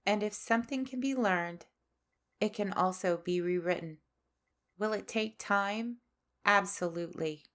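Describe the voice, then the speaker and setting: A woman hosting a spiritual podcast, delivering a scripted monologue with sass and a preachy edge. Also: lowish voice. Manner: slow, sassy, preachy delivery. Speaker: podcast host. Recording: faint music underneath.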